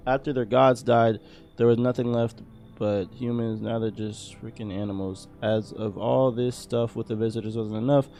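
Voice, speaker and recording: A man's voice: mid-range voice, steady tone, moderate pace, mellow, soft background music, natural voice. A man voicing an angry, resentful male musician in a video game, grumbling his lines. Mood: bitter. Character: bitter angry male musician, fed up with everyone.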